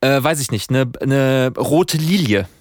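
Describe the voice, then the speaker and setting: A man co-hosting a casual comedic chat, quick and teasing with jokes. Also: mid-range voice, animated, no room sound, clean studio sound. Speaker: podcast co-host.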